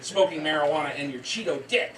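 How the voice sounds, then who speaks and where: A man in his thirties from southern Maine doing a deadpan, self-deprecating stand-up set, repeating his lines. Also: on the high side, fast. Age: 30s. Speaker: stand-up comedian. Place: comedy club stage. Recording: roomy club sound from a distance, loud crowd laughter. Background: crowd laughing.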